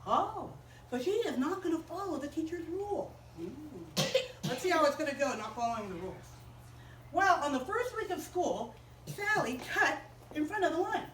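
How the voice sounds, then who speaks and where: In a chapel, a woman with a high, animated voice tells children a story at a moderate pace, repeatedly asking them questions. The mic is far off in an echoey room, picking up faint ambience along with a little hiss or hum.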